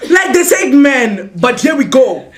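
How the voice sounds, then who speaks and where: A young man hosting a podcast, talking in a loud, excitable way that turns into shouting and preaching. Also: extremely high pitch, unhurried. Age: young adult. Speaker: podcast host. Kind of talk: heated casual debate. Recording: echoey room with background noise.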